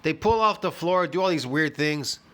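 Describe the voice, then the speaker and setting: This is a man in his fifties sounding off from home in a high-pitched voice. He is scornful and foul-mouthed, and he peppers every rant with "man" and "bro.". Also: lively intonation, moderate pace, a bit bright. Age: 50s. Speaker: fitness video host. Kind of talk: ranting reaction commentary.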